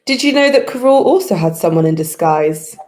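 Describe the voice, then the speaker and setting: A woman's voice: fairly low pitch, animated, fairly quick, a little mellow, lightly acted. A woman voicing a blunt, unbothered young woman rogue who answers offhandedly. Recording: echoey room.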